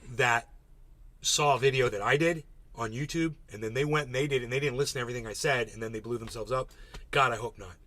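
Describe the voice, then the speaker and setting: A man's voice: medium pitch, fast talker, sharp tone. A man hosting a casual livestream, talking bluntly to his chat and swearing freely. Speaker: livestream host.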